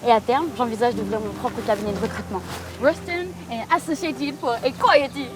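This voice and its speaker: A woman's voice: on the high side, brisk, lightly acted. An actress in her twenties playing a brash, ambitious recruiter in a web drama, boastful and insistent in casual slang. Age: 20s. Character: brash, ambitious, self-assured young female recruiter. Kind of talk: naturalistic screen drama dialogue. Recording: clearly noisy location recording.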